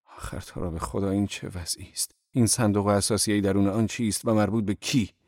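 A man's voice: on the low side, fairly even intonation, a little mellow, no room sound, studio quality, close to an everyday voice. A man voicing an educated male boss in an audiobook, talking in a mock-angry, sarcastic way.

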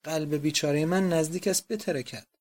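A man's voice: fairly high pitch, steady tone, darkish tone, lightly acted. A man voicing a doting, emotional old father, speaking fervently and effusively.

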